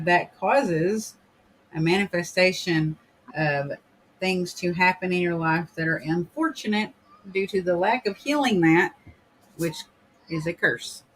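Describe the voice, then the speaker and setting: Higher-voiced rambling male podcast host. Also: a bit bright, rough recording. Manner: rambling, filler-heavy, frequent throat clearing. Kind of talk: casual chat, reading viewer comments.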